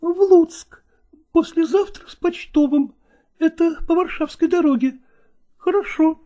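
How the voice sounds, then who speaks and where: A woman's voice: very high-pitched, a little slow, dark tone. A woman voicing a stubborn young novice actress in an audiobook drama, insistent and pleading.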